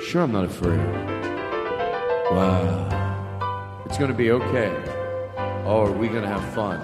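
A man's voice: lowish voice, a little slow. A man hosting a comedy show, announcing the band in a playful, mock-grand way with heavy reverb on his mic. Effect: heavy reverb echo added to his mic. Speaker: host. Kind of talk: live comedy show banter. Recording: heavy echo reverb over loud live music. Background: live band playing.

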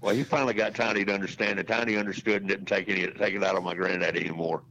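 A gravelly, bright, forceful low voice belongs to a man in his sixties who announces at a racetrack. He talks very fast with fairly even intonation, telling folksy, rambling stories with restarts as a podcast guest, recorded in dull lo-fi audio.

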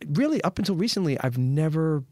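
A man's voice: a little high, sing-song, brisk, mellow, no echo. A middle-aged man co-hosting a podcast, talking in a reflective, rambling way with frequent restarts. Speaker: podcast co-host. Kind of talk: casual chat.

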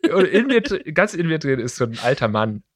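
A man, telling an animated story in a casual podcast chat and jumping up in pitch when he quotes himself. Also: a little fast, no room sound, studio quality. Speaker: podcast co-host.

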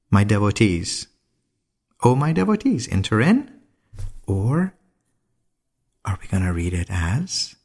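Slow, gravelly man giving a spiritual talk. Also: fairly low pitch, darkish tone. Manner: slow, deliberate, with dramatic pauses. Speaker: lecturer on mysticism.

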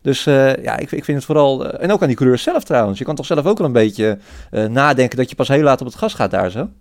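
Male pundit, quick but halting, full of fillers, dry room. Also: medium pitch, lively intonation, creaky, a little mellow, no room sound. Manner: hesitant, many fillers and broken starts. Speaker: co-host pundit. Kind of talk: casual analytical chat.

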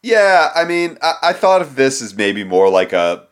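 A man's voice: mid-range voice, sing-song, unhurried, smooth. A man from the United States co-hosting a music podcast, rambling in a loose, self-deprecating way. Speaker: podcast co-host. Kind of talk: casual chat.

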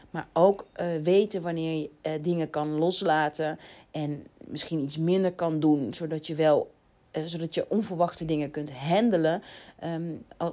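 A woman's voice: low voice, warm tone. A woman in her thirties with a Dutch accent, hosting a podcast and giving casual advice in a chatty way, with many fillers and self-corrections. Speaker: podcast host.

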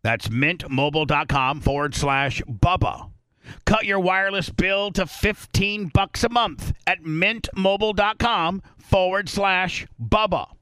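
A man's voice: high voice, measured pace, sharp tone, clean tone, no echo. A man hosting a talk show, speaking in a casual, direct style. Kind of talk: casual opinionated talk and ad reads.

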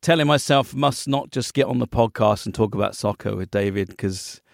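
Joking at his own expense, a man hosts a casual podcast interview in a lowish voice with vocal fry and a moderate pace. The recording is dry and studio quality.

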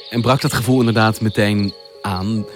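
A man's voice: lowish voice, fairly even intonation, moderate pace, over music. A man hosting an interview, asking thoughtful questions in articulate, literary phrasing. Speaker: host. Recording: dry close studio sound.

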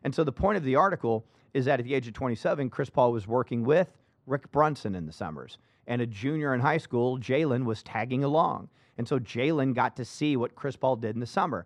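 A man hosting a casual sports talk show, emphatic and animated, often restarting his sentences. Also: medium pitch, a little fast, dry recording.

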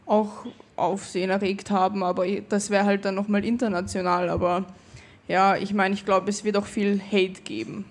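A woman's voice: mid-range voice, level tone, moderate pace. A young woman from Vienna with an Austrian German accent, chatting casually as a guest footballer in an interview. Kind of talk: casual conversation at a live audience event.

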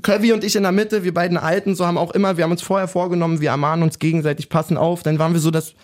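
A man in his thirties from Germany, chatting casually on a podcast, telling a story in slang and acting out quotes loudly. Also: sits high, fairly even intonation, very fast. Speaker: podcast host telling an anecdote.

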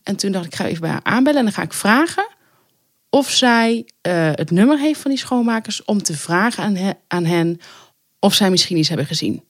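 A woman co-hosting a podcast, telling an anecdote in casual chat with animated storytelling. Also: mid-range voice, a little fast, dry recording, studio quality. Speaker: podcast co-host.

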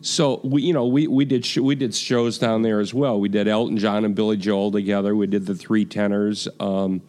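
Lower-pitched man, halting speech. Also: steady tone, darkish tone. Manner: halting, many restarts. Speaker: festival executive. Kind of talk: interview talk.

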